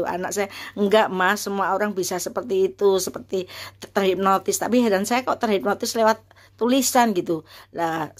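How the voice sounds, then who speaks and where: Lady lecturer in her 50s, warning folks about a scam, jumps up high when she quotes people. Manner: animated storytelling, acts out quoted dialogue in a higher voice. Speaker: university lecturer. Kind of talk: personal testimony, warning viewers.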